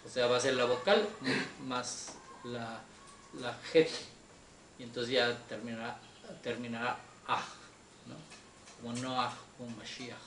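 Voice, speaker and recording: A man teaching Hebrew grammar in a Torah class, slow and patient, often checking that his students follow. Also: mid-range voice, little pitch movement. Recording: echoey room with faint noise.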